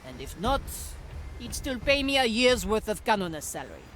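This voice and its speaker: A woman's voice: mid-range voice, sing-song, normal speed, a bit bright, a little hiss or hum. A woman voicing a swaggering, sly pirate storyteller in a video game, wry and self-assured. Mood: wry, boastful.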